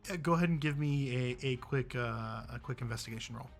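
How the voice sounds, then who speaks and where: A man's voice: medium pitch, brisk, gravelly, soft background music. A young man narrating as dungeon master, laid-back, chuckling often and full of fillers. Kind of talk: narrating a tabletop game.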